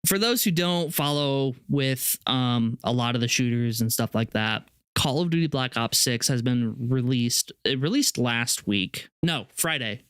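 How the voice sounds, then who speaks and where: A man's voice: mid-range voice, measured pace, hardly any pauses, fairly bright tone, clear, resonant tone, no echo, clean studio sound. A young man co-hosting a gaming podcast, rambling in casual chat with many fillers and restarts. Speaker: podcast co-host.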